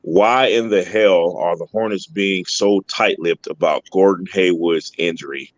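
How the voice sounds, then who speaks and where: A man's voice: sits low, measured pace, dry recording. A man hosting a casual sports podcast, laid-back, often tagging his sentences with "man.". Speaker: podcast host. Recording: dull, dry lo-fi sound.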